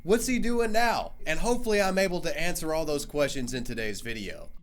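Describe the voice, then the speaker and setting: A man's voice: fairly high pitch, lively intonation, fairly quick. Sick man narrating a story. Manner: conversational with wry sarcastic asides. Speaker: video narrator.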